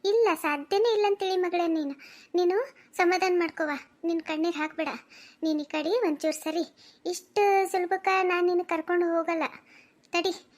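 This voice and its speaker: A woman voicing an angry, protective middle-aged mother in a cartoon, scolding with a North Karnataka accent and repeating her jabs. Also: very high voice. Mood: soothing. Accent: North Karnataka Kannada. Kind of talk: cartoon voice acting.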